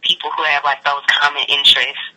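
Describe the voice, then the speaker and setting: A woman talks over the phone in a relaxed, informal interview. Her voice is very bright and forward, with an edge to it. She explains things conversationally, leaning on "like" as she goes. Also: low-pitched, brisk, rough recording. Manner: informal, peppers speech with "like". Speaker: sex educator interviewee. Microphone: telephone call.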